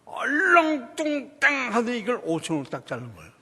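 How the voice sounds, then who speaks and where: A man, a church deacon, giving a lively testimony in a church setting and acting out the dialogue as he tells the story. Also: very high voice, a little fast, vocal fry, big-room sound, slight background noise.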